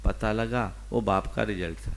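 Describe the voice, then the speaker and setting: A man who is a Jain monk, preaching slowly and emphatically, his voice swinging between loud and soft. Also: on the low side, steady tone. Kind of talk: sermon.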